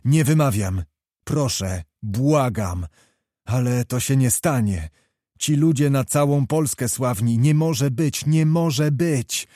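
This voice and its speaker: A man's voice: medium pitch, lively intonation, takes it slowly, dark tone, no echo, clean studio sound. Man doing a fiery young nobleman. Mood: fervent pleading. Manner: fervent, pleading, explosive. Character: hot-tempered young male nobleman, impetuous.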